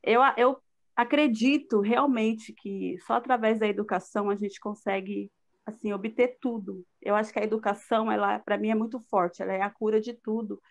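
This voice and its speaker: A woman's voice: mid-range voice, fairly even intonation, moderate pace, creaky. A middle-aged woman with a Brazilian Portuguese accent, giving an earnest, reflective personal testimony in a live talk. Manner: earnest, reflective, with frequent fillers. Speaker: guest speaker.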